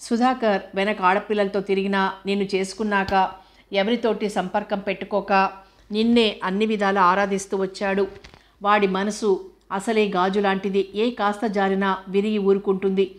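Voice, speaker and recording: A woman's voice: medium pitch, level tone, normal speed, lightly acted. Woman reading as a stern older widowed mother. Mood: reproachful. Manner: reproachful, pleading.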